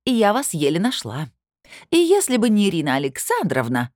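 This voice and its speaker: A woman voicing an indignant, shrill woman official who shouts accusations, in an audiobook. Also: big pitch swings, normal speed, no echo, clean studio sound.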